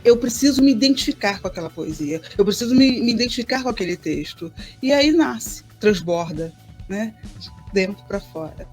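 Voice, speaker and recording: A woman's voice: medium pitch, darkish tone. A woman, a poet and teacher, answering interview questions thoughtfully and repeating words as she finds them.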